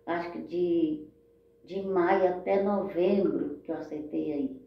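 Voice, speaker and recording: A woman's voice: lowish voice, fairly even intonation, slow, gravelly. A Brazilian woman shares her personal story in a heartfelt, rambling way, often turning to her listeners. The sound is dull and lo-fi, with strong echo around her voice. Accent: Brazilian Portuguese. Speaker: storyteller sharing her life.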